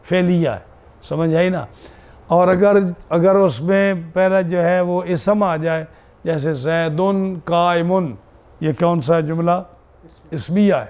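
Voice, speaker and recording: A man's voice: on the high side, darkish tone, smooth. A man teaching a classroom lesson on Arabic grammar, repeating key terms and checking in with his students.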